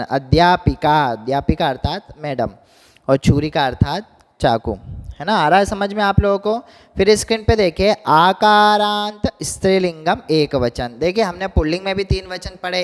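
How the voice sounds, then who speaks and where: A man teaching a school lesson, explaining slowly, repeating words and checking with his pupils. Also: fairly high pitch, big-room sound.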